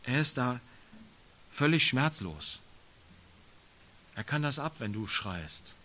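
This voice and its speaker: Bright-voiced man preaching emphatically. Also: mid-range voice, very animated, slow. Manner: emphatic, colloquial asides with tag questions. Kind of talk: sermon.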